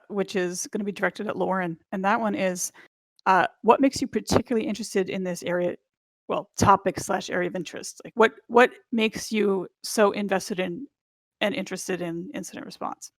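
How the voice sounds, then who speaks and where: A woman's voice: medium pitch, steady tone, brisk, dry recording. A woman moderating a panel discussion, putting questions to the panelists in a friendly way.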